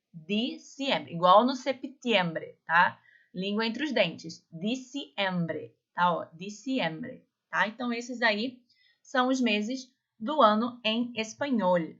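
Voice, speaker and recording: Patient woman teacher for a recorded class, medium pitch, slightly muffled lo-fi audio. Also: fairly bright tone. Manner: patient, repeats words slowly with frequent "tá?". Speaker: Spanish teacher.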